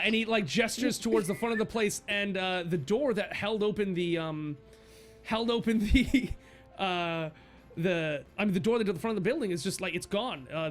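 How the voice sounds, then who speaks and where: A man narrating as game master of a tabletop game, halting often with fillers and restarts. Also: sits high, faint music behind.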